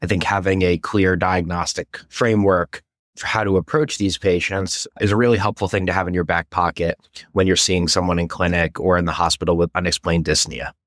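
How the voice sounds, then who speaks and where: A male pulmonary fellow on a medical teaching podcast, speaking in a very deep voice. He explains clinical points in a measured way, recorded dry and close to the mic. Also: fairly even intonation, a bit bright, no room sound.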